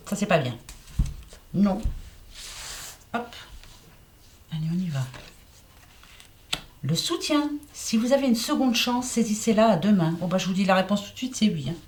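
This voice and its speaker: A woman with a slight lisp reads oracle cards in a loose, chatty way, circling back over the same point. Her voice sits at an ordinary middle pitch. A faint noise runs under the recording. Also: lively intonation, unhurried, long pauses. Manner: chatty, repeats herself, fillers like hein and voilà. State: lisping slightly. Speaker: oracle card reader. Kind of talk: casual card-reading guidance.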